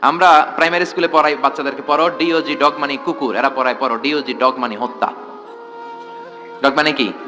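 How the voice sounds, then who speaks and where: Addressing a big gathering in a tent, a medium-pitched male preacher fires rhetorical questions at the audience and urges them to answer back.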